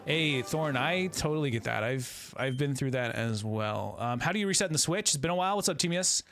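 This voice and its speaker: This thirtysomething man keeps up easygoing, friendly chatter and says hello to viewers while gaming live. His medium-pitched voice is expressive, fairly quick and a bit bright, with no audible room sound.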